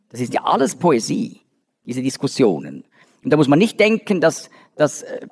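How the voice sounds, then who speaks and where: Lively man teaching in a reverberant hall. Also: mid-range voice. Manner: explanatory, with frequent restarts and fillers. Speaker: Bible teacher. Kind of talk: Bible study lecture. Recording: long reverb of a large hall.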